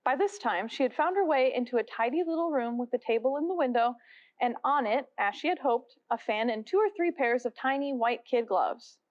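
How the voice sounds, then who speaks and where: A woman reading a children's classic aloud as a guest reader, with animated storytelling. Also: high-pitched, fairly quick, highs cut off. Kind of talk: expressive read-aloud narration.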